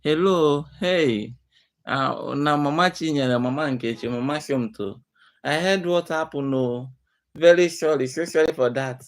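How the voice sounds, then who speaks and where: Man acting sympathetic Nigerian caller, raised pitch. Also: measured pace. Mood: apologetic sympathy. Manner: apologetic, caring, Pidgin-flavoured. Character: sympathetic villager making a condolence phone call.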